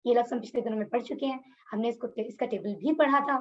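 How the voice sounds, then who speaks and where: A woman's voice: fairly high pitch, fast talker, highs cut off. A woman teaching a Quran class over a video call, explaining words patiently and asking her students questions. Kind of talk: online class lecture.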